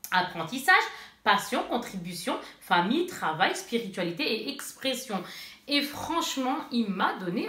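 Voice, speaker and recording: A woman with a bright, forceful, rather high voice talks through an unboxing vlog as a mother. She rambles and chats straight to her viewers. The sound is roomy and echoey, as if recorded in a bedroom. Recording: echoey room.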